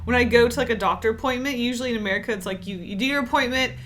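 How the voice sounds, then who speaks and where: A woman co-hosting a casual podcast, relaxed and chatty, laughing easily. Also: a little high, very fast, a little hiss or hum. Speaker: podcast co-host.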